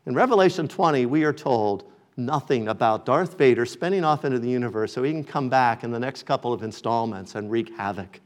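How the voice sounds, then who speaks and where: A pastor delivering a sermon in an even, middle-pitched man's voice. He preaches with measured, emphatic phrasing and lets his voice sink low and soft at the end of each point.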